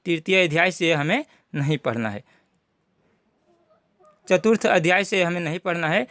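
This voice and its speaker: A man's voice: high-pitched, a bit bright, no room sound. A man teaching a class, walking students methodically through a syllabus and repeating key points. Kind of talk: syllabus walkthrough lesson.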